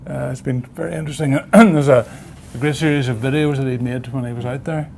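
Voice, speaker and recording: A man's voice: medium pitch, steady tone, a little fast, creaky, darkish tone, a little hiss or hum. A man chatting casually in an interview, often repeating and rephrasing himself as he answers. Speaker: president of a national radio society. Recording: faint room ambience behind.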